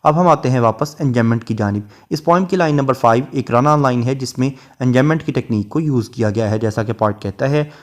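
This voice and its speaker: A man giving a literature lecture, reading English poetry lines very slowly and then explaining them at length in Hindi. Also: mid-range voice. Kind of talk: recorded lecture.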